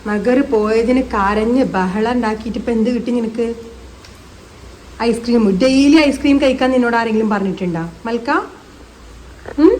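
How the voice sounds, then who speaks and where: A young adult mother vlogs with her little daughter in a casual family chat, coaxing and teasing her with questions before dropping to quieter asides for viewers. Her pitch is fairly high, and the recording is low quality.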